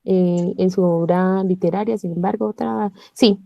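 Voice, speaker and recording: A woman's voice: lowish voice, fairly even intonation, moderate pace, vocal fry, mellow, no echo, lo-fi sound. A woman, hesitantly leading a club reading over a video call, with many fillers. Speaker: book club member leading a shared reading. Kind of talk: casual online reading club talk with read-aloud passages.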